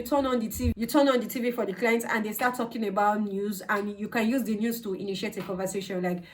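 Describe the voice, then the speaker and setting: A woman from Nigeria with a Nigerian accent gives a casual explanatory vlog talk, conversational and emphatic, often repeating words for stress. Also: medium pitch. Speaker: vlogger, healthcare assistant. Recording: voice distant from the mic.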